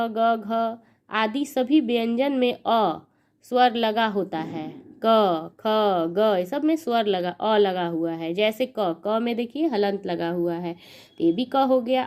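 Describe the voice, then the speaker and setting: A woman's voice: mid-range voice, darkish tone. A young woman teaching a grammar lesson, spelling words sound by sound and counting each sound aloud. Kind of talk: slow explanatory grammar lesson.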